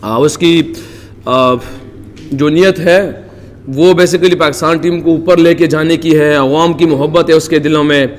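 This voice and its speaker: A man's voice: fairly high pitch, fairly even intonation, long reverb tail, a little hiss or hum. A man from Pakistan, a cricketer, giving earnest, devout answers at a press conference. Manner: earnest, devout, many religious phrases.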